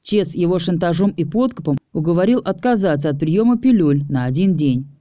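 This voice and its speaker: A man reads a first-person fantasy story aloud, wry and steady. His voice is mellow and warm-toned, and the recording is dry and close. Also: high-pitched, brisk, no room sound. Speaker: audiobook narrator.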